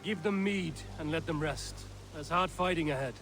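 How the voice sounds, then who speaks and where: Man playing a resolute Viking war leader, higher-pitched. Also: normal speed, close to an everyday voice. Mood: calm. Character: resolute, battle-ready Viking war leader, calm and commanding. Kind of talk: dramatic video game acting. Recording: loud game music over the voice.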